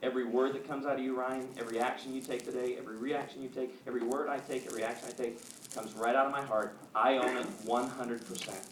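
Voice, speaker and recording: A middle-aged male pastor preaching a sermon, telling personal stories with animated, acted-out quotes. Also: medium pitch, quick pace. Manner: animated storytelling, acts out quotes. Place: church sanctuary. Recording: echoey hall, mic at a distance, audience noise.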